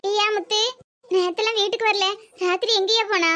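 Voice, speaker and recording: A fretful old village grandmother from a cartoon, voiced by a woman, fussing over her grandchildren in a Tirunelveli Tamil accent. Her voice is very high and pinched. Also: fairly even intonation, fairly quick, sharp tone. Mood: worried. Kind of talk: cartoon voice acting.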